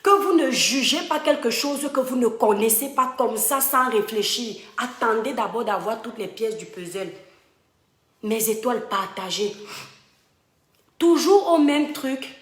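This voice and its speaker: This live-stream storyteller from Cameroon shares a personal story from her home room, speaking straight to her followers in an emphatic, affectionate manner. Her slightly high voice has lively intonation and a measured pace, set against a roomy echo.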